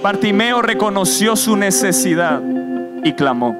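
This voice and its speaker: A man's voice: high-pitched, expressive, a little slow. A man preaching a sermon as guest preacher, with impassioned, repetitive exhortation. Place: church service. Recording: guitar music behind.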